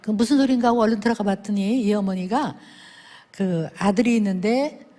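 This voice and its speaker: A woman speaking at a church service, telling lively stories and acting out the people in them with big swings in her voice. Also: moderate pace. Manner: animated, acts out dialogue with big pitch swings. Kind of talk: lively sermon storytelling with acted quotes. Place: church sanctuary. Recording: long reverb of a church hall.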